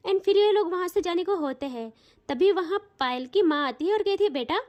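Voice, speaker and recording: High-voiced woman telling a story. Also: expressive, brisk, muffled recording. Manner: chatty, informal storytelling. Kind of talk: storytelling narration.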